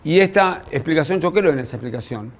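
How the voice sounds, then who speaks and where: A man with a Rioplatense Spanish accent, a rabbi teaching a class, telling old stories in a lively way, with quick quoted voices and asides to his students. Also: a little high. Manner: addresses students directly with asides. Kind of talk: storytelling lecture.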